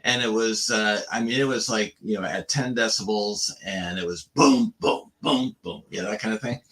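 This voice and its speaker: Bright, bantering male livestream host. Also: lowish voice, normal speed. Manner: jokey, energetic banter. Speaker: show host. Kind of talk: casual livestream chat. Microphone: video call.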